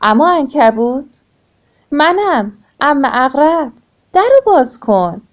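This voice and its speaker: A lonely old aunt scorpion from a children's storybook, pleading to be let in, her voice lifted high and strained, as a woman narrator puts her on. She begs in a raised, pleading tone. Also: very animated.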